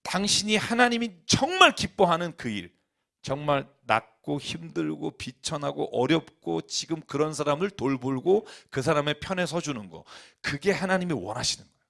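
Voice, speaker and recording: A man preaching a sermon as a pastor in a church, blunt and colloquial, rising to loud emphatic peaks and dropping to soft low asides. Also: animated, moderate pace, vocal fry.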